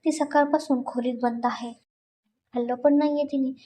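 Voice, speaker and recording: A woman's voice: sits high, fairly even intonation, normal speed, dark tone, slight background noise, lightly acted. Woman voicing a worried middle-aged aunt. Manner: anxious, motherly.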